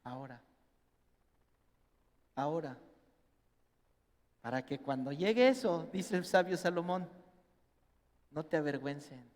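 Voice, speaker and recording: A middle-aged man with a Mexican accent preaching a sermon as pastor, animated and acting out family members in quoted voices. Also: a little high, unhurried, long pauses. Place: church hall. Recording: long reverb in a church hall.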